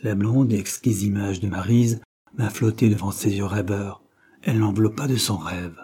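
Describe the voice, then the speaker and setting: A man narrating a romance novel in a measured, even storytelling manner. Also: fairly low pitch, slight background noise. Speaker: audiobook narrator.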